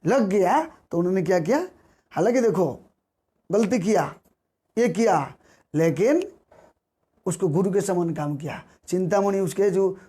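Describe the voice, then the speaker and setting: A man preaching a devotional sermon, repeating his key words and rising in pitch on the words he stresses. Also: measured pace, pauses often, mellow, husky.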